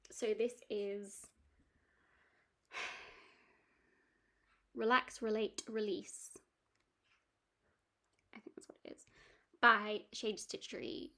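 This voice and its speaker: A woman's voice: mid-range voice, flat delivery, very slow, long pauses, pushed and bright. A woman chatting casually about her cross-stitch projects, rambling with lots of ums and restarts. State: has the hiccups. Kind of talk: casual chat.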